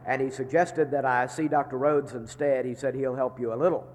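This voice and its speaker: A man's voice: medium pitch, steady tone, fairly quick, darkish tone, a little hiss or hum. Give me a congested man who sounds like he's inside a barrel, in a big echoey chapel. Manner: folksy and joking, with frequent "uh" fillers. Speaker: seminary leader giving chapel announcements. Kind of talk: chapel announcements to students. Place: large chapel. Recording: echoey chapel hall with long reverb.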